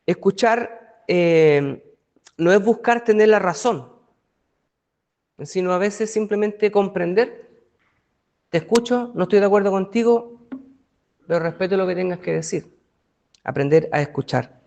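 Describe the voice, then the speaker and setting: A man leads a Bible study in a relaxed, conversational tone. His voice sits fairly high for a man, and he keeps turning to his listeners with rhetorical questions. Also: measured pace, creaky, pauses often. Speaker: pastor.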